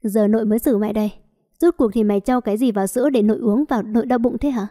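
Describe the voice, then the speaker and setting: A grumpy old grandmother who nags and scolds her granddaughter in sharp bursts, put on by a woman reading a story. The voice sits fairly high yet sounds mellow and soft in tone. It is a storybook reading of a cantankerous elderly woman. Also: racing, close to an everyday voice. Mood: scolding.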